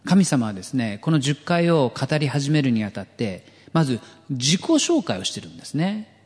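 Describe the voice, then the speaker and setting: A man preaching a sermon as pastor, earnest and gently humorous, often letting phrase ends drop to a whisper. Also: medium pitch, sing-song, moderate pace, long reverb tail. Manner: light jokes for the congregation.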